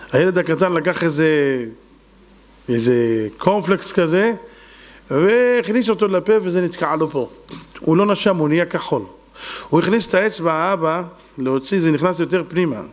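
Dramatic preaching man, fairly high voice. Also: long pauses. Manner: acts out dialogue in a lively, dramatic voice; addresses the audience directly. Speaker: rabbi. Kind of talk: storytelling sermon.

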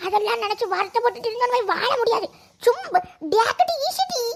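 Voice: very high voice, big pitch swings, a little fast, creaky, heavy background noise, exaggerated voice. A performer voicing a bossy gossiping village aunty in a cartoon, with a Kanyakumari Tamil accent and a chiding manner. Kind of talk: cartoon voice acting.

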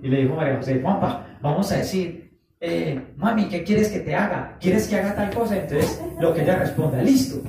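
A man preaching a sermon, animated, acting out quoted voices and drawing out phrases for emphasis. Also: on the high side, normal speed, creaky, slight background noise. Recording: echoey room, voice from far off the mic.

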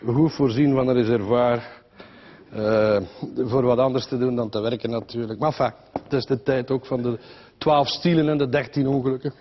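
A man's voice: mid-range voice, fairly even intonation, normal speed, lo-fi sound. A man with a Flemish accent telling a comic story in a rambling, chatty way, full of fillers and voices of the people in it. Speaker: comedian.

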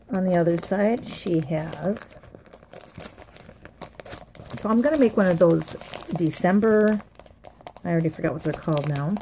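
A woman's voice: lowish voice, dark tone, slight background noise. A woman chatting casually to viewers as she unwraps craft mail, gushing and a little tired. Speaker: craft vlogger. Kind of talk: casual unboxing chat.

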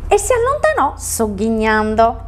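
A woman's voice: fairly high pitch, huge pitch swings, measured pace. A woman telling a fairy tale on a children's show, reading expressively.

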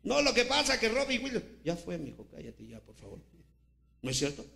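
A man with a Mexican Spanish accent preaching a sermon as pastor, full of rhetorical questions, swinging between loud and hushed. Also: high-pitched, huge pitch swings, brisk, creaky, soft background music. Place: church hall.

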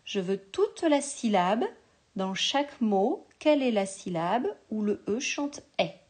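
Slowly and patiently, a woman teacher takes a young child through a spelling lesson, carefully sounding out every syllable. Her voice is medium-pitched, animated, and a little mellow.

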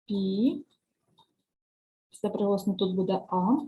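A woman teacher trainer talks a screen-share tutorial through click by click, in a mellow, dark-toned voice. She explains each task patiently and keeps checking in with listeners. Her pitch sits at an ordinary middle height. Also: unhurried, poor audio. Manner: talks through clicks step by step, often asks "right?"; explains language lesson tasks patiently.

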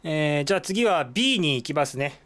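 A man teaching a language lesson at a whiteboard. His voice is somewhat high, and his pitch bounces around a lot as he explains each word. He pauses often with drawn-out fillers. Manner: lively, explanatory, with frequent "eh" fillers.

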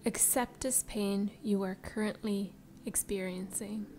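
A woman guiding a meditation in a soft, breathy spa voice that trails into whispers, soothing and unhurried. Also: mid-range voice, steady tone, slight background noise. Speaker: meditation guide. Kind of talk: slow guided meditation narration. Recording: music behind the voice. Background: background music.

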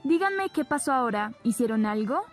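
A woman's voice: a little high, expressive, normal speed, soft background music, lightly acted. Woman reading as a worried mother. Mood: urgent. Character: worried middle-aged mother.

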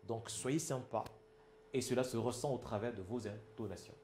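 Delivering a speaking lesson with emphasis, this man, a public speaking coach whose French carries a Cameroonian accent, keeps checking that the audience is following. He talks at a normal pace in a warm, mid-range voice; the sound is roomy, with slight noise behind it.

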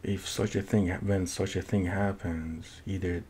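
A middle-aged man with a thick Persian accent talks through a casual film review in a low, fairly flat voice. He goes slowly and haltingly, restarting phrases as he hunts for words. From Iran. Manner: halting, searching for words with repeated false starts. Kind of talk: casual unscripted movie review. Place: small home office, indoors. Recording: noisy room recording with low rumble.

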